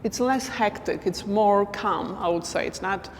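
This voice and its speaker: A woman teaching dance moves in a casual instructional talk, counting beats softly as she demonstrates. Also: mid-range voice, measured pace, in a large hall, a little hiss or hum.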